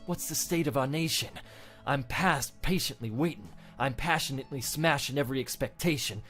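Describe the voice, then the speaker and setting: A man's voice: mid-range voice, close to an everyday voice. Man playing a brooding, declamatory hedgehog anti-hero. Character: Shadow the Hedgehog, male brooding anti-hero hedgehog, intensely earnest. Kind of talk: dramatic storybook-style reading of musical lyrics. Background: music.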